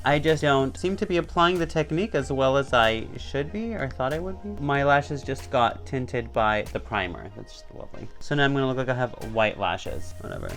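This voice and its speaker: A man chatting through a beginner makeup tutorial, self-mocking and swinging between loud and soft. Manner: chatty and self-mocking, with big jumps in pitch and loudness. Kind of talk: casual makeup tutorial chat.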